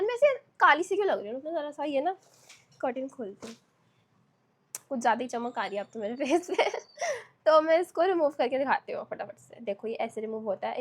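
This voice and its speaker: A woman vlogger with a hoarse voice, talking in a chatty, animated way at home. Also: high voice. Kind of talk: casual storytime vlog. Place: at home, indoors.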